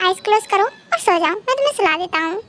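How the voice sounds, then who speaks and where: A woman voicing a gentle young husband who soothes his wife softly and indulgently, in a fan audio drama. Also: very high-pitched, expressive, quick pace. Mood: soothing.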